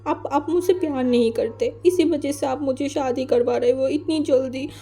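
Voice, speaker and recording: A woman's voice: a little slow, mellow. A woman voicing a sulky young man who pouts and whines about being married off. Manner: whiny, pouting, high and shrill when upset. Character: sulky young groom, whiny and tearful.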